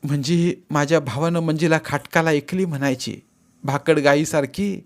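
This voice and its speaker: A man voicing a tired, determined village schoolmaster who speaks slowly. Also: on the high side, pitched above the performer's own voice, natural voice. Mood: weary.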